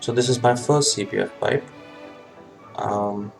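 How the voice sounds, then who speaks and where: A man talking casually to a webcam as a hobby video host, in a halting way with frequent ums and pauses. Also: on the low side, gravelly, faint music behind. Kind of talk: casual vlog talk. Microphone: webcam setup.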